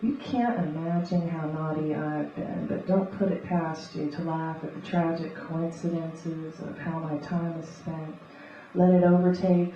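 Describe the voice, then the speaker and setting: A woman reading beatnik spoken-word poetry live, in rhythmic, deliberate, short clipped phrases. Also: deep voice, warm tone. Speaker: poet and conceptual artist. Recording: echoey live room, distant muffled mic, faint noise.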